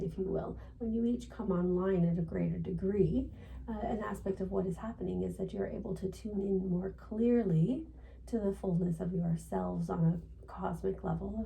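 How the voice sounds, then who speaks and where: A woman's voice: medium pitch, vocal fry, dark tone, recorded from a distance, slight background noise, close to an everyday voice, rough recording. A woman seance medium voicing a channeled spirit guide, formal and serene, in stilted instructive phrasing with questioning tags. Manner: formal, stilted phrasing, frequent tag "yes?".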